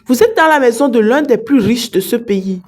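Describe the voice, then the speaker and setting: An arrogant rich man who boasts of his power and waves money around, put on by a woman storyteller with a mellow, fairly high voice. He pushes and bargains without letting up. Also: expressive, normal speed. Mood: smooth. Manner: boastful, pressing.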